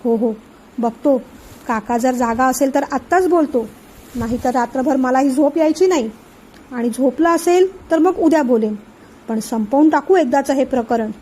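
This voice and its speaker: A woman reading the part of a nervous young man who speaks hesitantly and softly. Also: sits high, normal speed, rough recording. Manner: hesitant, soft.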